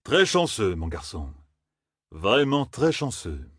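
A man's voice: on the low side, huge pitch swings, slow, husky, dry recording, clean studio sound, full character voice. A man voicing a hardened, cold swordsman who speaks in a mocking, self-assured way. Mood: sardonic. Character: hardened gruff male swordsman, cold and sardonic.

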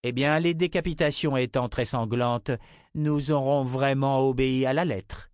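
A man reading an audiobook, voicing a cold, composed woman who rules as mother confessor, in a raised, measured voice. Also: medium pitch, steady tone, clean tone, no echo, studio quality, voice pushed up, lightly acted. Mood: coldly calm. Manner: icy, unshakably composed.

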